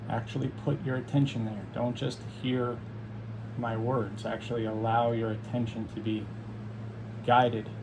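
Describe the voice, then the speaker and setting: A man leading a guided meditation as a teacher, speaking calmly and soothingly in unhurried instructions with long pauses. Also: medium pitch, noisy background.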